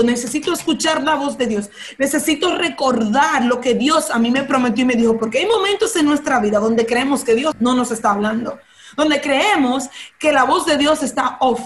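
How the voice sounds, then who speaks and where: Fervent high-voiced woman preaching. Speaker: guest speaker.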